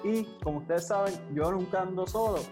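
Enthusiastic Puerto Rican man, slightly high voice. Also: brisk, music in the background. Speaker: podcast host and moderator. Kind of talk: upbeat podcast hosting.

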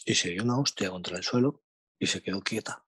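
A young man from Spain with a Spanish accent, telling a slangy, animated anecdote in casual chat. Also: low voice, fairly quick, husky, dry recording. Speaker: storyteller.

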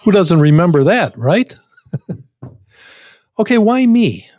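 A man's voice: sits high, sing-song, slow pace, a little mellow, soft background music. Folksy man in his seventies. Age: 70s. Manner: folksy, joking, conversational. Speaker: podcast host. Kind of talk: casual podcast introduction with jokes.

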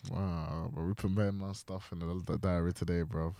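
A young man co-hosting a casual podcast, animated and slangy. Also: deep voice, normal speed, dry recording, clean studio sound. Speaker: podcast co-host. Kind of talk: casual chat.

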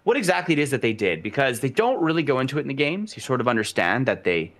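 A man's voice: mid-range voice, fast. A young man co-hosting a podcast, rambling in casual chat with lots of fillers. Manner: animated, rambling, filler-heavy. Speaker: podcast co-host.

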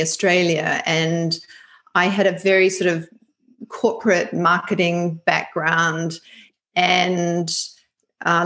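A middle-aged woman, a meditation teacher, speaking calmly and reflectively as an interview guest. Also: on the low side. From New Zealand. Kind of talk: casual interview chat.

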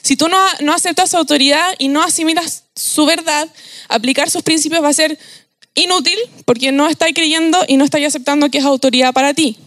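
A young Chilean woman delivers a youth sermon in a relaxed, slangy way, animated and quick to laugh. Her voice sits high, and the recording is dry and close with little room sound. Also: no echo. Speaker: youth preacher.

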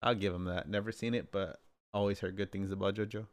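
A laid-back man chats casually, teasing his friends with an easy laugh. His voice is low and sounds dry and close. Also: fairly even intonation, fast talker, smooth, dry recording. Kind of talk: casual chat.

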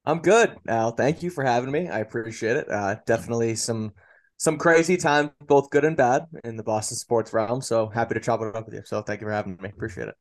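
A man's voice: mid-range voice, a little fast. A man appearing as a guest sports reporter on a casual podcast, polite and easygoing. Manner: easygoing, polite, brief replies.

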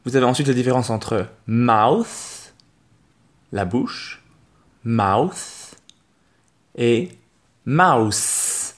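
A man co-hosting a podcast, teaching English pronunciation to French speakers and repeating each word pair slowly and carefully. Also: medium pitch. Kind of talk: slow, careful pronunciation lesson.

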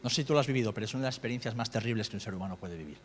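A middle-aged man from Spain preaching a sermon, swinging from loud, high-pitched outbursts to low, quiet storytelling. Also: racing, in a large hall, slight background noise. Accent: Spain Spanish.

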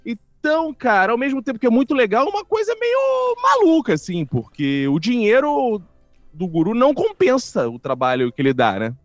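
A man telling stories in casual podcast chat, animated and foul-mouthed, acting out what people said. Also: very high voice, normal speed, no echo, clean studio sound, faint music behind. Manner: animated storyteller, swears freely, acts out quotes. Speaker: guest comedian.

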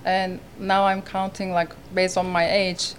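This is a woman in her thirties from Turkey, a native Turkish speaker with a Turkish accent, being interviewed on a podcast as a real estate agent. Her phrasing is earnest and halting, her mid-range voice barely shifts in pitch, and a slight hiss or hum sits under the recording.

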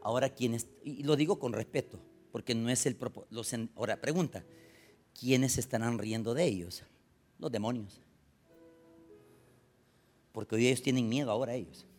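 A man preaching a sermon, swinging between loud urgent lines and low confiding storytelling. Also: normal speed, long pauses, faint music behind. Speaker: pastor.

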